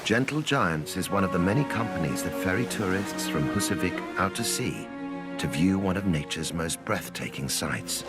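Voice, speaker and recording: A man narrates a nature documentary in a low voice with lively, swooping intonation. His scripted delivery sits over a clear bed of background music. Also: normal speed.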